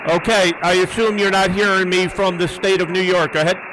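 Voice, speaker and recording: A man's voice: high-pitched, steady tone, brisk, background noise. A man working as an amateur radio operator, making live contacts and antenna tests, repeating words and call signs methodically.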